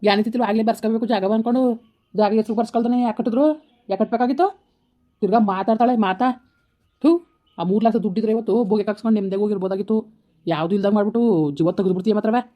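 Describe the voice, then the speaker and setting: Angry village woman in a family fight played by a lady, rattles off at top speed, low mellow tone. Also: steady tone, lightly acted. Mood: quarrelling. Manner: scolding, rapid-fire, cursing. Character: quarrelsome rural woman in a family feud. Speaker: actor in a village family skit. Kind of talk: amateur comedy skit acting.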